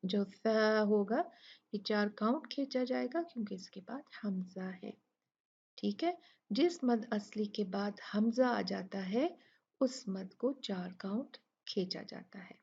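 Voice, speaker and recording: A woman teaching a recitation lesson, asking questions and answering them herself, and slowly sounding out example words. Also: medium pitch, creaky, darkish tone, husky. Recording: dull lo-fi recording.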